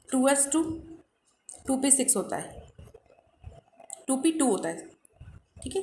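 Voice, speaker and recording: A woman's voice: high-pitched, echoey room, a little hiss or hum. A woman teaching chemistry with an Indian accent, mixing Hindi and English, asking questions and answering them herself. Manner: asks questions and answers them herself, repeats key terms; mixes Hindi and English, addresses students as children. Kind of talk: classroom lecture.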